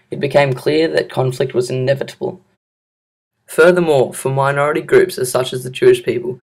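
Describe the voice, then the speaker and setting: A young man narrating a school history project in an earnest, scripted reading. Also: medium pitch. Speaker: student narrator.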